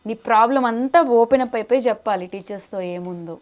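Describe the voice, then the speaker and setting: A woman's voice: a little high, fast talker, a little mellow. A woman interviewing a child actor in a casual chat, playful and teasing.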